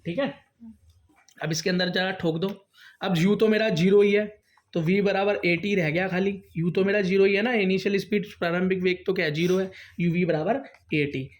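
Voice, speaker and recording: A man with a high-sitting voice, fairly even intonation and normal speed teaches a science lesson to a class. He quizzes the students, calls them "beta", and answers his own questions.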